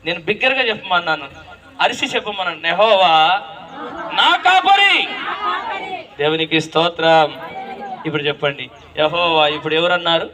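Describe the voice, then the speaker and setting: A man's voice: on the high side, fairly quick, a crowd in the background. A man preaching a call-and-response sermon, questioning the congregation and repeating key phrases with rising emphasis. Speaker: pastor.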